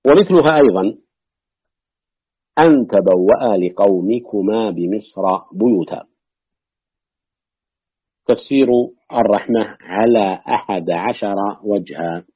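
A man reading aloud from a classical exegesis book in a measured way, pausing now and then to comment or correct a slip. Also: lowish voice, animated, no echo. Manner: measured recitation, pausing to note and correct slips. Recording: husky, dry, tinny phone-like audio.

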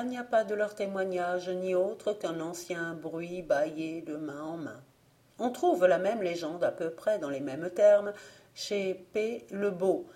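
Low, mellow woman reading an audiobook. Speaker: audiobook reader. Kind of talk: audiobook narration of folk legends.

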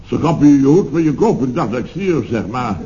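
A man's voice: medium pitch, sing-song, a little fast, warm tone, natural voice. A man playing a rambling nostalgic contractor boss. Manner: rambling, hesitant, tag questions. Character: rambling nostalgic middle-aged male building contractor. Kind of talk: 1960s radio comedy acting. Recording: dull old radio recording with faint hiss.

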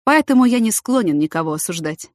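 A middle-aged male head of a maternity ward, voiced by a woman narrator, firm and brisk like a doctor on rounds. He is read in close to her own register, with no deepening of the voice. The recording is dry and close. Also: expressive, no echo, lightly acted.

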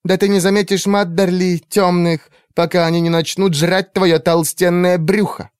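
A man's voice: sits high, flat delivery, moderate pace, clean tone, no echo, studio quality, pitched above the performer's own voice, close to an everyday voice. A man voicing a scornful young female elf warrior who taunts with a mocking tone.

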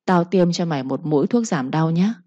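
A woman's voice: fairly low pitch, animated, brisk, dark tone, no room sound. A woman voicing a stern young male master who gives blunt, scolding orders. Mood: brusque. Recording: slightly muffled recording.

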